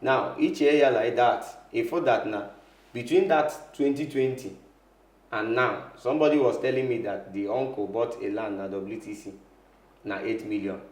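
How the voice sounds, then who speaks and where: A man's voice: medium pitch, normal speed, a little mellow. A man with an Igbo Nigerian accent explaining things as an interview guest, switching often between Igbo and English. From south-eastern Nigeria. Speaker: interview guest, real estate lawyer. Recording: echoey room.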